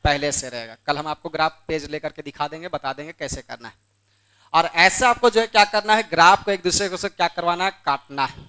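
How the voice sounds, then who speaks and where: During a board exam lesson, a male math teacher keeps posing questions and answering them himself in a coaxing way, and he scolds students in the room. He speaks a little fast in a clear, resonant voice that is on the high side, bright, and forceful.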